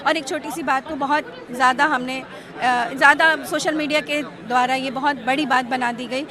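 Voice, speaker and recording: A woman's voice: high-pitched, fairly even intonation, normal speed. A woman professor answering reporters earnestly and defensively, slipping into English phrases. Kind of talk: press statement to reporters. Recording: loud crowd behind.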